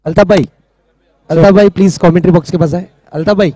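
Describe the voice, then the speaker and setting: A man making loud, repeated public announcements over a loudspeaker PA system at an outdoor cricket ground. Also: high voice, steady tone, quick pace, dry recording, poor audio. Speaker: tournament announcer.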